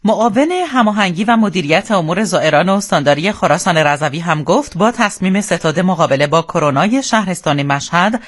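An Iranian man delivers a radio bulletin as a solemn, formal newsreader. His voice sits a little high for a man. The reading is scripted and measured in tone, as heard from a studio. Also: a bit bright.

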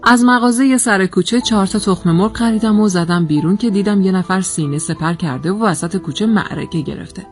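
Wry first-person storyteller over soft music. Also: medium pitch, few pauses. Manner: wry, reflective.

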